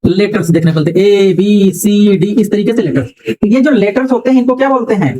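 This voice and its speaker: A man's voice: high-pitched, very fast, warm tone, slight background noise, poor audio. A man teaching English pronunciation in a classroom, often asking the class questions and repeating their answers. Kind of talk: classroom lecture.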